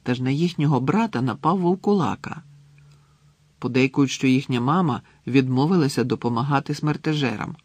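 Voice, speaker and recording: A man voicing a clever, bossy schoolgirl in an audiobook, speaking eagerly and insistently with a gravelly, husky voice. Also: mid-range voice, fairly quick, no echo, close to an everyday voice. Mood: explaining. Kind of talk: audiobook character reading.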